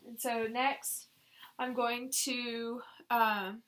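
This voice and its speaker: A woman's voice: on the high side, level tone, drawn-out words, a bit bright, low-quality recording. A woman demonstrating a clinical exam, informally explaining each step and giving instructions to her patient. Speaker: examiner demonstrating a nursing head assessment on a patient.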